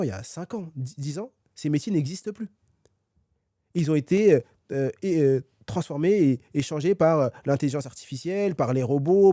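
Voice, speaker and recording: Man, podcast guest author, mellow tone, fairly high voice, dry close sound, lots of hesitations. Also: no room sound. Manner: energetic, many fillers and restarts. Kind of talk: conversational podcast dialogue.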